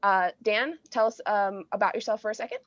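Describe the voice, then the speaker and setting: A woman's voice: mid-range voice, a little fast, fairly bright tone, dry recording, lo-fi sound. An American woman hosting an online panel, talking in a casual, chatty way with many fillers. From United States. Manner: friendly, chatty with frequent fillers. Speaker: panel host, technical animator.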